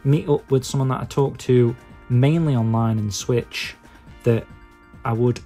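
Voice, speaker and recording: A man's voice: medium pitch, fairly even intonation, measured pace, warm tone, faint music behind. A man with a Stoke-on-Trent English accent chatting casually to his viewers, rambling in a hesitant, self-deprecating way with lots of filler phrases. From England. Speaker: YouTube video maker and podcaster.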